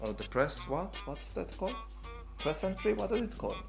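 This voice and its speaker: A man co-hosting a fan channel in excited casual chat, laughing often and repeating himself. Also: high-pitched, brisk, gravelly, music in the background.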